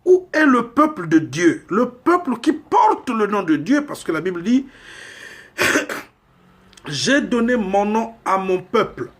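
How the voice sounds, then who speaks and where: A man from Congo delivering a slow, emphatic sermon full of rhetorical questions. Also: high voice, very animated, husky. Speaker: preacher.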